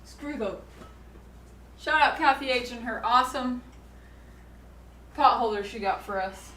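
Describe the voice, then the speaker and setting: A woman's voice: a little high, unhurried, pushed and bright. Chatty woman cooking, roomy and distant. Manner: chatty, upbeat, laughing asides. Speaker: co-host. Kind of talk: casual chat while cooking. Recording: echoey room, mic far off.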